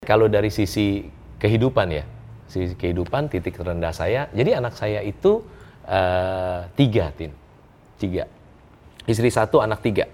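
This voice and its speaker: A middle-aged man, a guest telling a personal story in an interview, animated and quick to laugh. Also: fairly low pitch, slight background noise. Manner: animated, laughs often, acts out dialogue.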